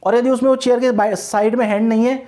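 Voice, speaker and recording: A man teaching an English grammar lesson, asking questions and answering them himself, and slowing down on English example phrases. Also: very high voice, fairly even intonation, warm tone.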